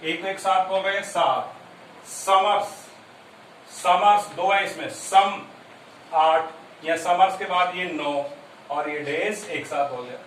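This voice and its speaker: A man's voice: sits high, slow pace, fairly bright tone. A male school teacher giving a classroom lecture on poetry, explaining step by step, repeating key points and quizzing his students. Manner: mixes English terms into Hindi explanation. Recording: very echoey room, distant mic, faint noise.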